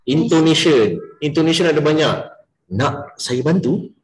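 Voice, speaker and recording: Energetic Malaysian man coaching a class. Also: a little high, unhurried, reverberant, low-quality recording. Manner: energetic, mixes English into Malay, quizzes participants by name. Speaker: business sales coach.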